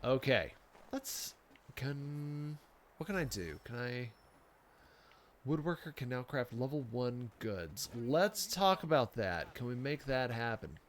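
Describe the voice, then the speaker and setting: A man's voice: mid-range voice, sing-song, slow, a little hiss or hum. A man streaming a video game, making self-mocking jokes as he plays. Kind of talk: gameplay commentary.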